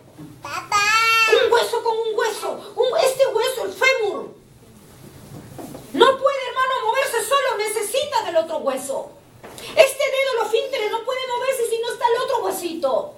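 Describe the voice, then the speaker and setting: Recorded from a distance in a reverberant church hall with faint ambience and a noisy background, a woman preacher speaks in a very high-pitched voice. Her sermon is passionate, and she frequently calls her listeners brothers.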